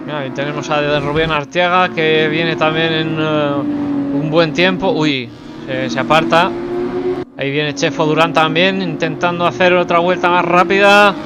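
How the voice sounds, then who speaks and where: A man's voice: fairly high pitch, fairly even intonation, moderate pace, muffled recording. A man giving live motorsport commentary, calling out the action and exclaiming at position changes. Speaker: sim racing commentator. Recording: loud car engine noise behind.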